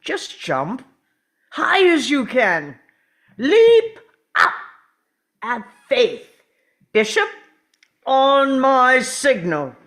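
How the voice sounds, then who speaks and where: A woman's voice: sits high, big pitch swings, a bit bright, pitched above the performer's own voice, full character voice. A woman playing a cocky, daring male alien doctor hero in an amateur script read, with dramatic, commanding delivery. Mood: urgent, commanding. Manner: dramatic, commanding, savoring pauses.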